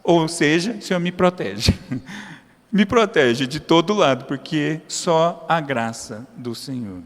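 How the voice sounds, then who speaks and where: A pastor preaching a sermon in a high voice. He moves between loud, raised emphasis and low, hushed asides, and slips into short, familiar prayers. His voice rings with the long reverb of a church hall. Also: animated, slow pace.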